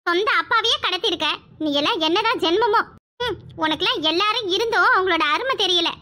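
A high-voiced performer playing a jealous, spiteful young woman who speaks in curt, cutting jabs. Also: fairly quick, pushed and bright.

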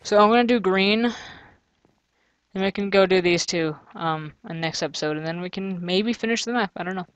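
A chatty gamer talks through a custom game map in casual let's-play commentary, thinking aloud, grumbling and throwing in sarcastic jokes. The voice sits at an ordinary middle pitch. It is recorded dry and close, with no room sound at all. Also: fairly quick, clear, resonant tone, no echo.

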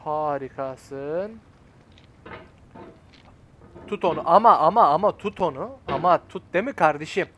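A young Turkish man in his twenties talks his way through a frustrating game in a high voice, muttering encouragement and grumbling at himself. A faint hum sits behind him. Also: fast talker, hardly any pauses, fairly bright tone. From Turkey. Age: 20s. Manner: talks to himself, coaxing and fretting. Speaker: gaming YouTuber. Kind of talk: casual gameplay commentary.

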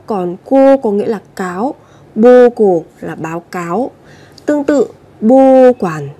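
A woman's voice: on the high side, dark tone. Patient woman teaching vocabulary. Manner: patient, repeats each word, addresses viewers directly. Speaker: Korean language teacher. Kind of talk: vocabulary lesson explanation.

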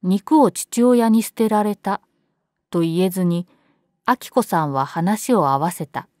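A woman's voice: medium pitch, warm tone, no echo, clean studio sound. A woman reading a scary story aloud as scripted narration.

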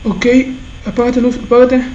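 High-voiced tense woman. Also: steady tone, moderate pace, dark tone, lo-fi sound, slight background noise. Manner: tense self-talk, muttering and frantic exclaiming. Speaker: gaming channel host. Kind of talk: horror game commentary.

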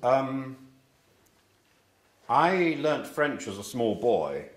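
Older English male teacher, rambling and animated, echoey classroom. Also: medium pitch, very slow. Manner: rambling, with many ums and restarts. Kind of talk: informal classroom talk. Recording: echoey room, faint hiss.

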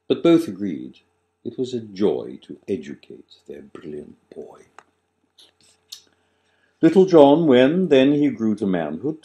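Seated on a sofa in a small indoor living room, an older author recites his own satirical rhyme in a low, warm voice that swings widely in pitch. He takes his time, dramatically leaning on key words with relish before letting them fall away.

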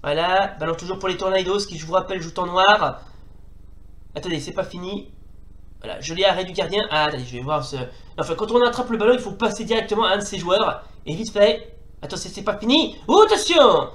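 A man from France giving casual gameplay commentary, switching into excitable mock sports-caster calls and swearing at his goalkeeper. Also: sits high, fast talker, reverberant. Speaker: retro gaming YouTuber.

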